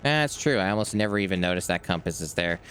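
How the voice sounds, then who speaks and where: A man's voice: sits low, fast, soft background music. A man streaming a video game, chatting casually and easily as he plays. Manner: relaxed, easygoing. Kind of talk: casual gameplay chat.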